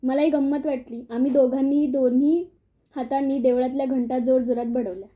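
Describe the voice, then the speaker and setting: A woman's voice: high voice, fairly even intonation, fairly quick. A woman reading a humorous village story aloud, telling it expressively and acting out the outbursts. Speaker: audiobook narrator. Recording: dull lo-fi recording.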